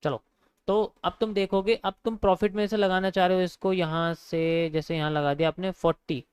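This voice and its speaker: A man's voice: sits high, flat delivery, moderate pace, clean tone, no echo. A young man giving a casual live lesson on trading, repeating his points and calling viewers bro. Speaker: trading teacher.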